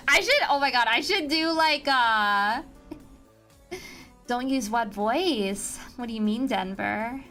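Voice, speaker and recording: High, bright, giggly young woman streamer. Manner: giggly, chatty, teasing, many restarts. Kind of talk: casual chat with stream viewers. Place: home. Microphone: home streaming mic.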